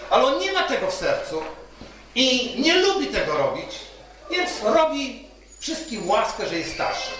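A man's voice: sits high, pushed and bright, a little hiss or hum. A male pastor preaching a sermon, telling stories and often asking the congregation "right?". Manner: storytelling with rhetorical "tak?" questions. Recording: echoey hall from far off.

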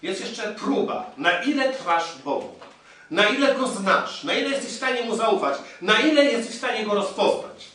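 Lively preaching man in echoey hall. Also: high-pitched, normal speed. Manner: animated storytelling, addressing the congregation. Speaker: pastor. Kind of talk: sermon. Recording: echoey hall, distant mic.

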